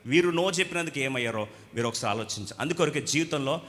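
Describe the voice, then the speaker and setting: A man preaching a sermon, lively, asking the congregation rhetorical questions and acting out the voices of others. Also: mid-range voice, quick pace. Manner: animated, rhetorical questions, acts out quoted voices. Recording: long hall reverb.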